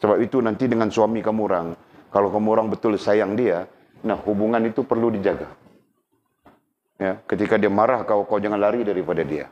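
A man's voice: on the low side, brisk, a little mellow. A man giving a casual religious lesson, talking conversationally and often checking that his listeners follow. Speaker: religious teacher. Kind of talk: casual teaching talk. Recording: dull lo-fi recording.

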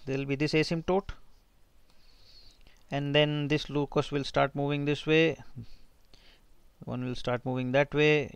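North Indian man lecturing, clear higher-pitched voice. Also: dry recording. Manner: informal, thinking aloud, mixing in Hindi asides. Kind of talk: technical lecture with handwritten working.

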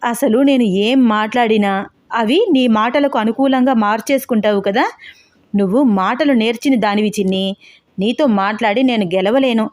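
A woman voicing a quick-tempered young man who scolds his fiancée in exasperation. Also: fairly high pitch, dry recording, natural voice. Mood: annoyed.

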